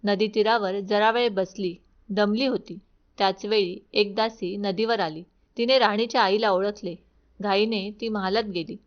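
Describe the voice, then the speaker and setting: A woman's voice: mid-range voice, unhurried. Woman telling a devotional story. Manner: steady, formal storytelling. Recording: dull lo-fi recording.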